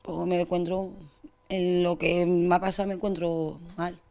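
Young woman, andalusian accent, distressed rushed telling, interviewee. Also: on the low side, flat delivery, gravelly, dark tone. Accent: Andalusian Spanish. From Spain. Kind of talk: emotional testimony.

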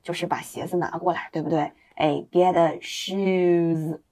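Woman teacher kinda low voice, reads english examples slow and clear, encouraging. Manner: reads English example sentences slowly and clearly for learners to repeat; explains in lively, encouraging classroom talk. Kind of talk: online video lesson.

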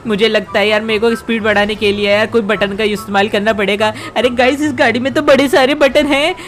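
Woman putting on a mischievous little boy, high squeaky voice, whiny, excitable, panicky cartoonish game commentary. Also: brisk, lightly acted. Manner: whiny, excitable exclamations, talks to viewers. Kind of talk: gameplay commentary in character.

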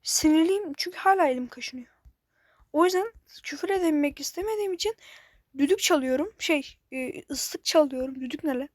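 High-pitched woman swearing at a game. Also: a little fast, no echo. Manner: frustrated, swearing a lot, shouting at the game. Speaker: gamer. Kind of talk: casual gameplay commentary.

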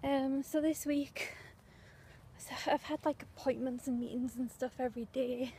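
On a casual walking vlog along a windy street, a young woman chats a little breathlessly, wandering through fillers and side comments. She has a high, warm voice with fairly even intonation and an unhurried pace; faint background noise and wind are audible.

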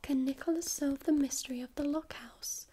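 A woman voicing a friendly, patient librarian in a whispered role-play, speaking in a soft, soothing library whisper. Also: sits high, fairly even intonation, moderate pace, a little hiss or hum, lightly acted. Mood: hushed, suspenseful. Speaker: ASMR performer playing a librarian.

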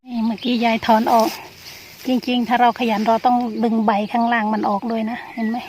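A woman's voice: fairly high pitch, level tone, fairly quick, a little mellow. An older woman chatting casually as she vlogs in her garden, pointing things out as she goes. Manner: chatty show-and-tell, often pointing things out. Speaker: gardening vlogger. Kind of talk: casual vlog chat while gardening. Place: outdoors in a rural garden. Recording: outdoor recording with clear background noise.

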